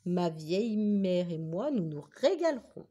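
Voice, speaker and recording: A woman voicing a gloating, sly male fox in a storybook, with a drawn-out, gloating delivery. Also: lowish voice, sing-song, dark tone.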